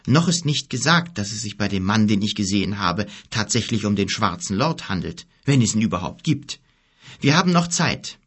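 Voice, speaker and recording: A man voicing an earnest young boy hero in an audiobook, raising his voice to sound higher, urgent and insistent. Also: expressive, normal speed, a bit bright, husky. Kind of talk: audiobook character reading.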